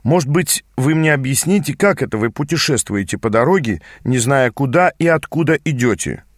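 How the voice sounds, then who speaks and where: A man's voice: mid-range voice, expressive, fairly quick, no echo, clean studio sound, pitched above the performer's own voice, lightly acted. A man voicing a lazy, insolent young man, an officer's son, drawling in an audiobook reading. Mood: cocky.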